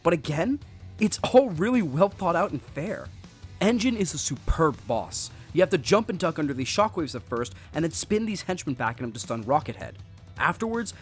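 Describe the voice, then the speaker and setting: A man narrating a scripted game review with sarcastic, jokey asides, over faint background music. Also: a little high.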